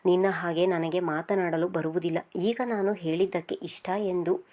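A woman's voice: fairly low pitch, steady tone, moderate pace, warm tone, natural voice. A woman reading the part of a young man in love, hot-tempered and possessive, who talks insistently. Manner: insistent, pleading then angry.

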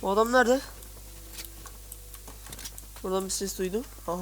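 A woman talks through her gameplay in a casual, muttering way. She swears often and yelps now and then. Clear game sounds play under her voice. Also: mid-range voice, moderate pace, noisy background. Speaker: gamer. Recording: game sounds loud behind the voice.

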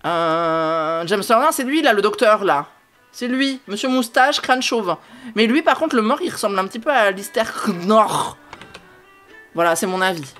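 A man's voice: high-pitched, lively intonation, normal speed, pushed and bright, soft background music. Rambling man streaming a mystery game. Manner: rambling, hesitant thinking aloud, many fillers and restarts; jokey, self-talking, easily sidetracked. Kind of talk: live-stream gameplay commentary. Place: at his home computer.

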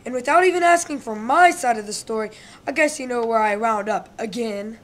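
A woman's voice: on the high side, a little fast, close to an everyday voice. A woman voicing a male big bad wolf in a comic radio play, telling his side of the story with indignant self-pity. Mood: aggrieved. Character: male big bad wolf, aggrieved smooth-talking hustler.

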